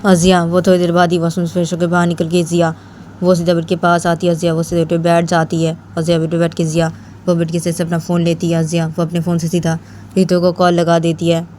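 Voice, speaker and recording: A woman's voice: on the low side, completely flat delivery, fast, darkish tone, slight background noise. A woman storyteller narrating a romance story in a casual, repetitive way.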